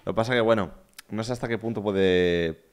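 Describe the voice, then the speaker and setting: Streamer español de voz grave. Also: male voice, lowish voice, a little fast. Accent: Spain Spanish. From Spain. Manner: enthusiastic, repetitive, chatty. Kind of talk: casual live-stream commentary. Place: his own room.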